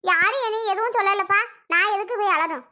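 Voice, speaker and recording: A woman voicing a tearful, aggrieved elderly mother in a cartoon, wailing and complaining. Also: fast. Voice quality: wailing, complaining, high and bright. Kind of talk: animated cartoon voice acting.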